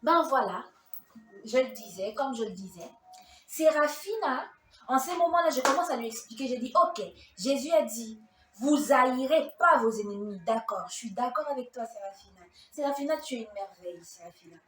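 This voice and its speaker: Woman, church storyteller, animated sermon style, acts out dialogue, fairly high voice, distant echoey hall. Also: normal speed, slight background noise. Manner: animated, dramatizes dialogue, laughs. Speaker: church speaker.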